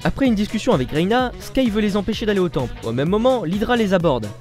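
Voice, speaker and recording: A man from France narrating a comedy recap, slangy and full of jokes. His voice is high and lively and swings around a lot. Background music plays faintly under it. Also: quick pace. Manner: jokey, slangy, animated. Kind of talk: fast comic recap narration.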